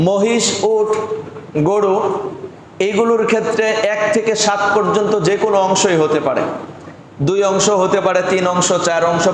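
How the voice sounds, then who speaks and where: Preacher, high voice in an echoing hall. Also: male voice, slight background noise. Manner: explains rules step by step, repeating and listing points. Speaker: Islamic preacher. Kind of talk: sermon. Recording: echoey hall with long reverb.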